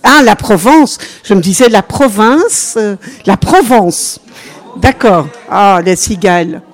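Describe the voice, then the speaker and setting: Teaching a group about faith, an older consecrated sister from Belgium speaks French with a Belgian accent in a medium-pitched, expressive voice. She's unhurried and chatty, drops in asides and frequent "voilà"s, and draws her listeners in.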